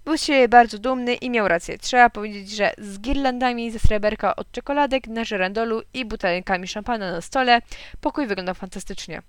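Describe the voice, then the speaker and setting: Expressive woman reading a children's story. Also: a little high, brisk, slight background noise. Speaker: audiobook narrator.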